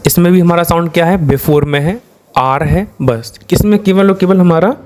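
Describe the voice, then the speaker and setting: Here an Indian-accented shorthand teacher, his fairly high voice a little mellow, moves through the material at a moderate pace. Patient and repetitive, he poses questions to the class and then supplies the answers himself, one step at a time.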